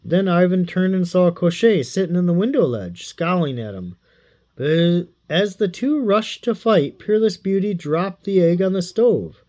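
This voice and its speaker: A man reading a fairy tale aloud in a playful, animated way. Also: high-pitched, unhurried. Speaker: storyteller.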